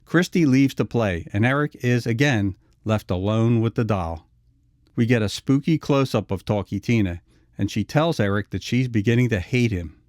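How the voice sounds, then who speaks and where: A man's voice: lowish voice, moderate pace, darkish tone, dry recording, studio quality. A man narrating a scripted retrospective video essay.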